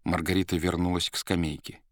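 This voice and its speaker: A man narrating a novel as an audiobook, measured and unhurried. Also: deep voice, flat delivery, dry recording, studio quality. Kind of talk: scripted literary narration.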